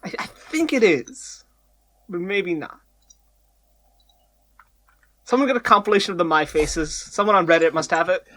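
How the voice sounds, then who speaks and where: A man hosting a casual podcast, jokey and animated, dropping loud and soft. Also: sits high, normal speed, pauses often. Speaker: podcast host.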